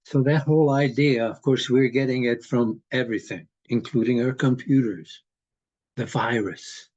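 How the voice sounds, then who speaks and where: A man in his eighties from Hungary, talking in a slow, rambling, philosophical way in casual conversation. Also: medium pitch, fairly even intonation, darkish tone, muffled recording. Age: 80s.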